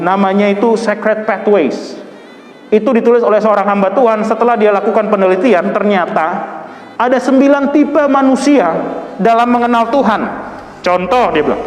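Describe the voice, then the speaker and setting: A male pastor preaching a sermon, talking in a lively, conversational way and playfully imitating people. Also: very high-pitched. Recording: echoey hall, faint music.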